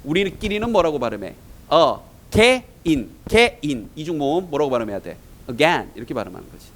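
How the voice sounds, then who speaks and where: A male teacher works through English test answers in a lecture, firing rhetorical questions at his students. His voice sits on the higher side and swings widely up and down. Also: very animated, fast talker, low-quality recording. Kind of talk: exam-prep lecture.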